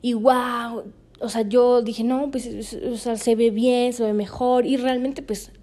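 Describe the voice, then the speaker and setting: A woman's voice: fairly high pitch, fairly even intonation, slow, warm tone. A young Mexican woman, a podcast host, telling a personal story in casual chat, laughing often between fillers.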